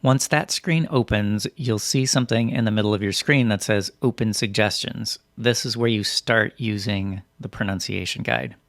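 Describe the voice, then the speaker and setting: A man reading scripted instructional narration as a software tutorial presenter, in a methodical, step-by-step way. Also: on the low side, normal speed, creaky, few pauses, no room sound.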